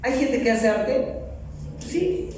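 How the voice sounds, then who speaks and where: A man's voice: extremely high pitch, animated, takes it slowly, a little mellow, far from the mic, a little hiss or hum. A middle-aged man preaching a sermon in a church, joking and asking the congregation questions. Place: church hall. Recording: echoey hall, mic from afar.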